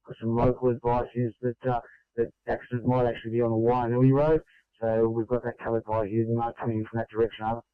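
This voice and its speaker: A man's voice: mid-range voice, level tone, fast, smooth, no echo. A man passing emergency service messages over two-way radio in a matter-of-fact, slightly hesitant way. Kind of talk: ambulance and fire radio traffic. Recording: muffled, band-limited two-way radio.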